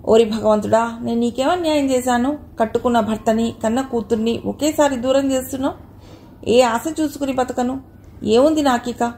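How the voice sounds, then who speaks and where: Woman voicing a widowed mother, fierce and grieving, storybook reading, mellow tone. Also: fairly high pitch, moderate pace, slight background noise, natural voice. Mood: lamenting. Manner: pleading, lamenting.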